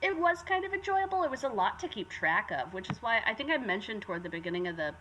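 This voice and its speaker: A woman's voice: fairly high pitch, big pitch swings, quick pace, bright, forceful tone, highs cut off, slight background noise. A woman guest on a podcast, chatting casually, giggling often and trailing off into fillers as she tells a story. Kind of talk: casual chat.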